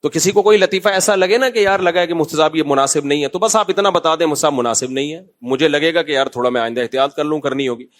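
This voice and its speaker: A man preaching in a Pakistani Urdu accent, his voice sitting a little higher than most men's. He talks in a loose, conversational way, mixing anecdotes with gentle scolding. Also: few pauses. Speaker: mufti giving a religious talk. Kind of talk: informal sermon.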